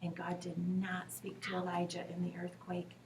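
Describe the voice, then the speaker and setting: A woman telling a Bible story to children, animated and swinging between loud lines and soft whispers. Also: on the low side, normal speed, far from the mic, slight background noise. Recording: recorded from across the room.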